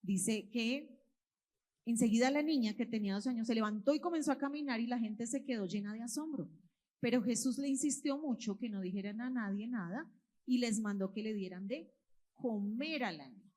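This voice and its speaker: A woman's voice: on the high side, moderate pace. A woman, telling a Bible story to children and parents in church and quizzing them as she goes. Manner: expressive, quizzes the listeners. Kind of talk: storytelling sermon to families. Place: church hall with children present.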